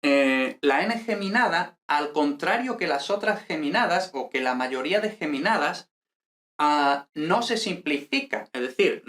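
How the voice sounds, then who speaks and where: A man's voice: a little high, a bit bright. Chatty man teaching a lesson. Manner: chatty, many fillers and tag questions. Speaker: language teacher. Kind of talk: casual spoken lesson.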